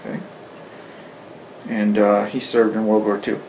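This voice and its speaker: A man asking measured questions as an oral-history interviewer. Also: on the low side, completely flat delivery, darkish tone, slight background noise, poor audio.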